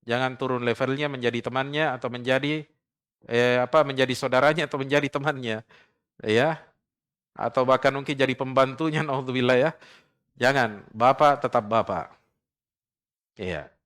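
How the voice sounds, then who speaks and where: Man, Islamic lecture in a prayer room, smooth resonant voice, mid pitch, measured delivery. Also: a bit bright. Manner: measured, frequent affirming "iya" tags. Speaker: Islamic preacher. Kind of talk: religious study lecture.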